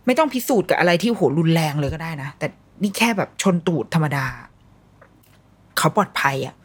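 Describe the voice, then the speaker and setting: A woman's voice: lowish voice, lively intonation, a little fast, slightly rough. A woman in her thirties, a mother hosting a podcast, telling her own story in a candid, blunt, slangy way and acting out the voices of the people in it. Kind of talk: casual storytelling chat.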